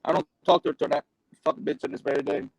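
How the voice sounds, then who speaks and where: Gravelly high-voiced man telling his story. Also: very animated, fast talker, muffled recording, over a noisy crowd. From New York. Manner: rambling, profane, storytelling. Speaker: interview guest. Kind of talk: candid life story.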